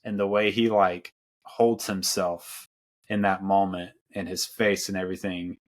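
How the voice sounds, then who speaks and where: Very low-pitched male podcast host, loose rambling film chat. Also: level tone, measured pace. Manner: rambling, many fillers and restarts. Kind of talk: casual film discussion.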